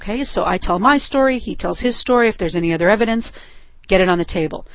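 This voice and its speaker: Woman professor, lively storyteller lecturing a class, flat dry lo-fi recording. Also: mid-range voice, fast, no echo. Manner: animated storyteller, often checking in with "okay?". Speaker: professor teaching law. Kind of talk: lecture with a personal anecdote. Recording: dull lo-fi recording.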